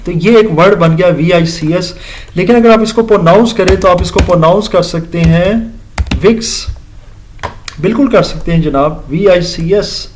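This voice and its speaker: A man's voice: sits high, brisk, a little hiss or hum. A middle-aged man teaching a grammar lecture, explaining step by step, dropping English terms into his talk and addressing the class politely. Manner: explains step by step, mixing English terms into Urdu-Hindi speech; addresses listeners politely with "janab" and "ji".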